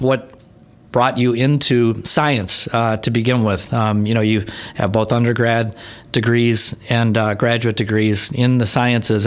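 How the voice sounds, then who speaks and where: A man hosting a podcast interview, introducing his guest with enthusiasm and the odd filler. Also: mid-range voice. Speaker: podcast host.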